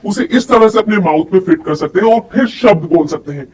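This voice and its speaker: This coach of voice and personality development instructs listeners directly, using demonstrations and rhetorical questions. Her medium-pitched voice is husky and a little mellow, lively in intonation and fairly quick; the microphone is distant, with faint background noise.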